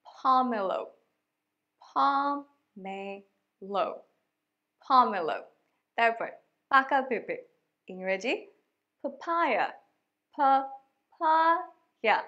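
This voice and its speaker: A woman from Bangladesh narrating a scripted vocabulary lesson, saying each word clearly and repeating it for practice. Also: fairly high pitch, a bit bright. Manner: clear, drilling pronunciation with repetitions. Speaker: English vocabulary teacher.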